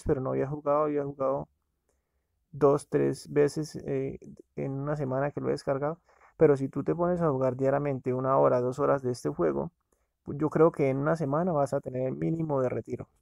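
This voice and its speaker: A man's voice: a little high, vocal fry, darkish tone, no echo. A man casually narrating a screen-recorded app walkthrough, talking to viewers as friends. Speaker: app reviewer.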